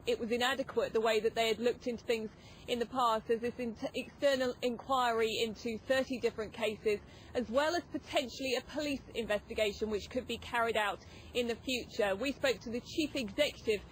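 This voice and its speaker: A woman's voice: a little high, steady tone, brisk, low-quality recording. A woman giving a live news report as a field reporter. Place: outside a hospital. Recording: outdoor ambient noise behind.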